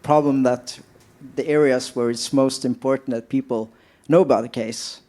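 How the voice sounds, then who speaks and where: A man's voice: medium pitch, steady tone, normal speed, dark tone. A man in the audience politely asking a question at a live event.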